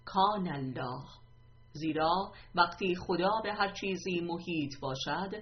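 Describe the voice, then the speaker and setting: A woman with a somewhat low voice reads a religious text aloud, steady and deliberate, pausing to count off numbered points. The recording sounds dull and muffled. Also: a little hiss or hum. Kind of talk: scripted reading.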